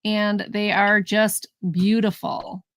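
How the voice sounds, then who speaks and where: A woman with a medium-pitched, fairly flat voice speaks slowly while hosting a casual live-stream vintage sale. She chats as she describes each item in detail and counts down the sales.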